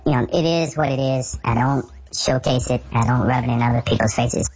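A secret guest's voice disguised through pitch shifting to sound very deep, speaking offhand and matter-of-fact in a short clip played on the radio. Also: steady tone, a little fast, vocal fry, highs cut off. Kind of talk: short pre-recorded clip of casual talk.

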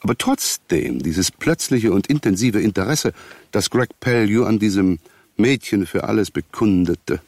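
An actor playing a wry, grumbling friend of a detective, narrating a German radio crime drama in a wordy, ironic, conversational way. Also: male voice, on the low side, lively intonation, normal speed, darkish tone, no echo. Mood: wry, musing.

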